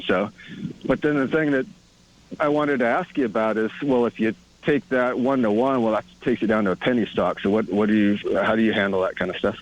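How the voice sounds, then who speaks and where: A man calling in to a radio show over the phone from a hike, halting as he tries to remember details. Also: lowish voice. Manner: halting, gropes for details from memory. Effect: heard over the phone. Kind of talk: casual call-in question. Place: outdoors on a hike. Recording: dull lo-fi phone line.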